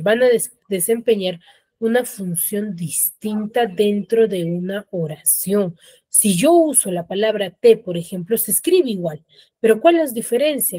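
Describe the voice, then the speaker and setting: Over a video call, a female teacher with a dark, husky, mid-range voice walks students through a grammar lesson one step at a time. The sound is clean studio audio with no room sound, and she keeps checking understanding with frequent tags.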